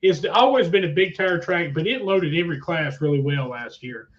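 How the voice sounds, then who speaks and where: A man's voice: on the high side, expressive, normal speed. A man hosting a casual motorsport interview in a chatty, folksy way. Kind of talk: casual interview, truck and tractor pull talk. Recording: dull lo-fi audio with noise and clicks.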